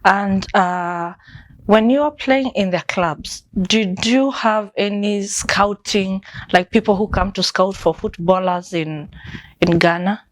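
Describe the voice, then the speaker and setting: A woman hosts her own show, opening her vlog by politely thanking viewers before interviewing a guest. She speaks slowly at a medium pitch, offering many thank-yous and frequent mm-hmms.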